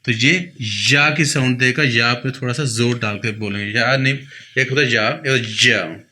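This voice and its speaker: Bright-voiced man teaching sounds. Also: medium pitch, steady tone, slight background noise. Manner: patient, repeats each sound slowly for the learner. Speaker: pronunciation teacher. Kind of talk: explaining a lesson.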